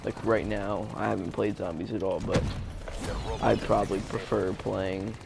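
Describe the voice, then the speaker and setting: A man's voice: fairly low pitch, fairly even intonation, moderate pace, gravelly, heavy background noise. A young man giving live gameplay commentary as a gaming YouTuber, rambling with many fillers and restarts. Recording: gameplay gunfire loud behind. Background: game gunfire and explosions.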